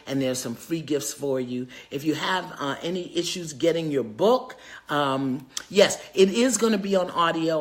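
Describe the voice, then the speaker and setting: An older woman, an author and spiritual teacher, talking casually on a live video, lively and chatty as she greets viewers by name. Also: low-pitched.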